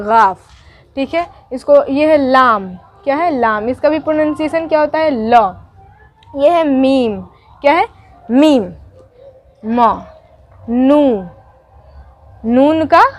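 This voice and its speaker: Woman teacher, high voice, patient call-and-response letter drills with English words mixed in. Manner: drills sounds, asks questions and answers them herself; mixes English words into Hindi speech. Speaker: Urdu teacher.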